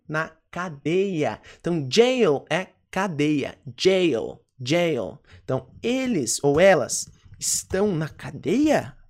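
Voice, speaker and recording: An English teacher with a Brazilian Portuguese accent gives a recorded lesson, repeating each word and often checking in with "ok?". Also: mid-range voice. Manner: slow, repetitive drilling with frequent "ok?" checks.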